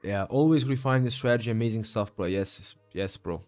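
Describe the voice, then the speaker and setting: A man in his late twenties runs a day trading live stream, casually discussing his trades and replying to chat with many fillers and plenty of "bro." Tired from a long session, he still talks briskly in a mid-range, slightly mellow voice over soft music.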